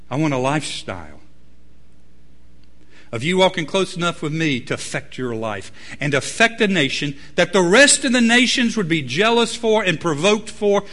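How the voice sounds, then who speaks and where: A pastor delivers an animated sermon, swinging from loud, emphatic peaks down to low, quiet asides.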